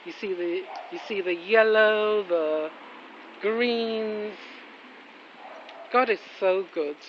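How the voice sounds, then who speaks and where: Her mid-range voice moves slowly as she vlogs casually outdoors after rain on a residential street, holding her phone while walking. She rambles, offering devotional thoughts and plenty of admiring exclamations. Traffic noise and muffling mark the street recording.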